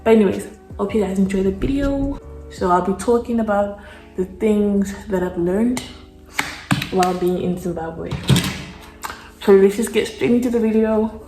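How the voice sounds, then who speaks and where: A woman's voice: medium pitch, normal speed, pauses often, music in the background. A young woman chatting casually while doing her makeup, rambling with lots of "like" fillers. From South Africa. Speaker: beauty vlogger. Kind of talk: casual get-ready-with-me chat. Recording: echoey room.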